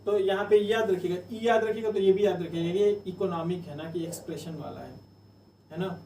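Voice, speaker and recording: A man's voice: high-pitched, fairly quick, dark tone, reverberant, recorded from a distance, a little hiss or hum, rough recording. A male teacher giving a chatty exam-coaching lecture, repeating memory tricks over and over. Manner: chatty, repetitive drilling of mnemonics.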